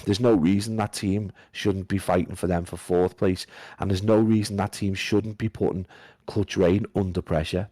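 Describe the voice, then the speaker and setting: A man guesting on a casual podcast, talking in a flat monotone while feeling unwell. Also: deep voice, normal speed, no room sound. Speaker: guest esports caster.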